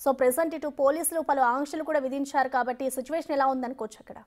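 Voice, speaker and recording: A woman's voice: high-pitched, steady tone, rapid-fire, darkish tone. A woman presenting the news as an anchor and introducing a live report. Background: music bed.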